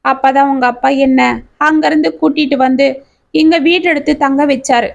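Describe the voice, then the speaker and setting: A woman's voice: high voice, fairly even intonation, normal speed, creaky, muffled recording. A woman voicing a grieving middle-aged widowed mother who tells her story in a heartfelt, pleading way. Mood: sorrowful confession. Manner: heartfelt confessional telling.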